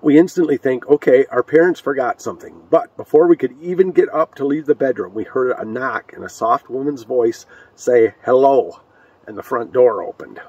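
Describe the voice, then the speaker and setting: A man from Michigan trades jokes and reads ghost stories aloud outdoors on a cold night. His voice is mid-pitched and slightly husky. He is picked up from some distance. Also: fairly quick, darkish tone, muffled recording. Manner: chatty and jokey, with many fillers. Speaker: co-host of a ghost story show. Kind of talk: casual chat and reading ghost stories aloud.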